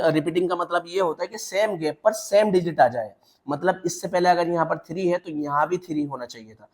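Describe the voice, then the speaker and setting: A man teaching a maths lesson, walking step by step through examples and checking in with the class. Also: fairly high pitch. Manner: repetitive checks with the class, mixing English terms into Hindi. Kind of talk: classroom lecture.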